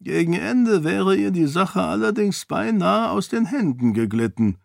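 A gruff old duke who weighs his words and speaks slowly and dryly, as a male narrator puts him on. His voice is gravelly and pitched a little above the reader's own. The recording is dry and close. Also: lively intonation, no room sound, exaggerated voice. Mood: measured. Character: older duke, gruff self-styled old bear. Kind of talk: audiobook character voice.

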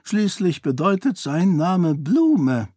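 A man's voice: sits high, sing-song, takes it slowly, darkish tone, no echo, clean studio sound, voice pushed up, full character voice. A man voicing a genial, witty elderly duke in an audiobook, in a raised, lighter, courtly voice. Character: elderly genial male duke, dry wit. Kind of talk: audiobook character voice.

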